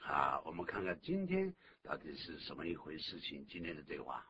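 A man co-hosting a radio English lesson, explaining phrases and jumping up in pitch when he demonstrates them. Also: brisk. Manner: animated, exaggerated pitch jumps when demonstrating. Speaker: English teacher, co-host. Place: radio studio. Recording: dull lo-fi radio recording, faint hiss.

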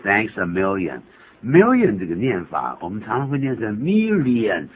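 A man's voice: fairly low pitch, moderate pace, slightly rough. A man hosting a radio English lesson, explaining phrases in a chatty, joking way. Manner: jokey, animated, laughs at his own examples. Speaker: English teacher and radio host. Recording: tinny phone-like radio audio with faint hiss.

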